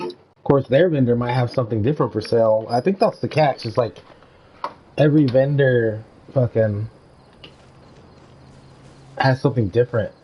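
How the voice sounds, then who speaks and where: With a medium-pitched, dark-toned voice, a young man comments on a video game he's streaming, keeping it slangy and informal at a moderate pace broken by long pauses. A little hiss or hum and game music accompany the slightly dull stream audio.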